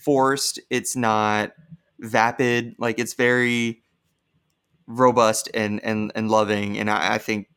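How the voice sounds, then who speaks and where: A man's voice: fairly low pitch, flat delivery, takes it slowly, a bit bright, clear, resonant tone. A young man co-hosting a podcast in a casual, bubbly chat, rambling with lots of fillers. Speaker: podcast co-host.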